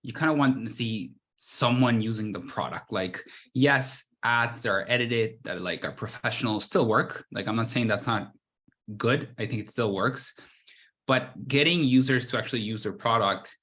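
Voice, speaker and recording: A man's voice: mid-range voice, moderate pace, fairly bright tone. A man from Guatemala, a brand founder, giving a casual conference presentation over a video call, with frequent restarts and fillers.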